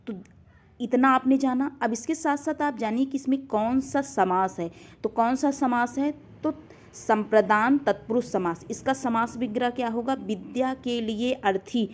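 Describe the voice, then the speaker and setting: Woman teacher, raised pitch, quizzing aloud. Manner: repeats answers as questions to the viewer. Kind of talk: grammar lesson going through quiz questions.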